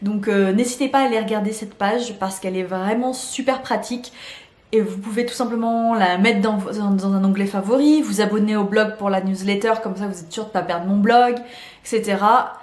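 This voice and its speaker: A woman's voice: medium pitch, normal speed, a little mellow, reverberant. A woman vlogging about beauty shopping in a chatty way, laughing often and repeating words as she explains. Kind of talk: casual explainer vlog.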